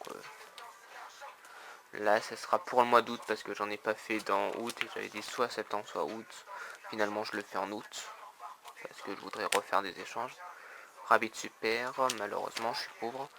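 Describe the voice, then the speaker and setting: A man chatting casually on video as he shows his trading cards, halting with many fillers and repeating the same stock phrase again and again. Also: on the low side, background noise. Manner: keeps repeating "donc voilà", a tic he admits to. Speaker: trading card collector showing his trade binder.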